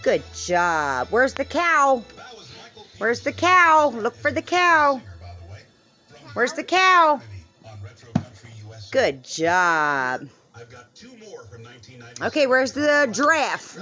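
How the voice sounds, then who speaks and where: Woman, bright higher voice, unhurried sing-song toddler prompts, muffled home recording with faint music behind. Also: very animated. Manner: sing-song, warmly praising, repetitive prompts. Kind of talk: slow toddler picture-book quiz.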